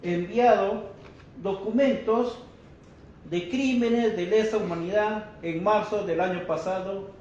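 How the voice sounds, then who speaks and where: Slow, high-voiced man denouncing. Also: darkish tone. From Peru. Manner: deliberate, denouncing, addresses listeners as brothers. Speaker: activist speaking at a press conference. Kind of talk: press conference statement. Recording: echoey muffled room with faint noise.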